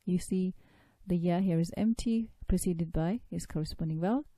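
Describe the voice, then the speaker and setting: Dark-voiced woman teaching pronunciation, patient. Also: on the low side, no echo. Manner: patient, demonstrates sounds slowly with drawn-out vowels. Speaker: tajweed teacher. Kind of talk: recorded lesson explaining pronunciation.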